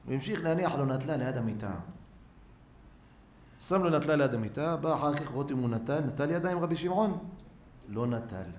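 A man, a rabbi, giving a sermon full of acted-out stories, swinging between loud cries and hushed asides. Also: mid-range voice, lively intonation, long pauses. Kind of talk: sermon with storytelling. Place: synagogue hall. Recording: roomy synagogue sound with faint noise.

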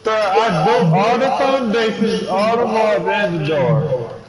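A man's voice: high voice, lively intonation, slow. A young man playing a video game with a friend, chatting casually, boasting about his building and teasing his buddy. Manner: boastful, teasing, laid-back. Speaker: co-player. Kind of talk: casual gaming chat. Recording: loud crowd noise behind.

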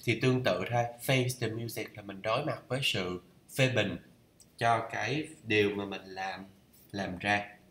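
A Vietnamese man talking through English idioms in a casual study vlog. He thinks aloud and reads English phrases slowly to check how they are pronounced. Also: on the low side, fairly even intonation, fairly bright tone, roomy sound, slight background noise. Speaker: learner reading a course aloud.

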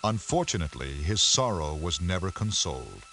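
A man giving measured, scripted storybook narration for an educational game. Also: low voice, big pitch swings, sharp tone, faint music behind, full character voice.

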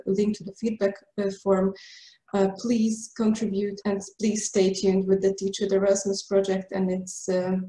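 A woman's voice: mid-range voice, warm tone. A young woman in a headset giving closing remarks from an office, hesitant with many fillers. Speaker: host organizer. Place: office with a map on the wall. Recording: echoey room, faint noise.

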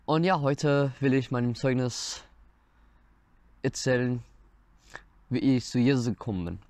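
Seated before a camera indoors, a nineteen-year-old Iranian man gives an earnest personal testimony in German, slightly non-native, as Persian is his first language. Behind him is a dark wooden wall, and the camera faces him in a mid-shot. His mid-range voice is a little mellow and measured, recorded dry.

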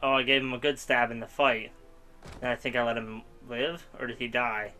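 A young man talks through a story game in a loose, rambling way, poking fun at himself as he goes. His voice sits at an ordinary middle pitch. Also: steady tone, bright, forceful tone, soft background music. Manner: rambling, self-mocking, quick laughs. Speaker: gaming YouTuber. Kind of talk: casual let's-play commentary.

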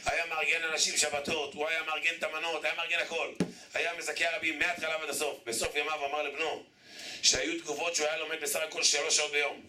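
Male rabbi with a higher voice, sermon with repeated rhetorical questions, distant noisy room recording. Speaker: rabbi preaching to a congregation. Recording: echoey room, distant mic, background noise.

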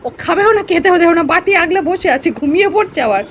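A woman's voice: very high-pitched, fast talker, a little hiss or hum. A woman coaxing and mock-scolding her pet in sing-song baby talk, chatting on a casual home video. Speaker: pet owner filming her dog.

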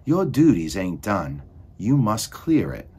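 A man voicing a bossy, mouse-hating female cook in a storybook, barking scolding orders in a husky shout. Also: on the low side, very animated, takes it slowly, exaggerated voice. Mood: gruff, sarcastic.

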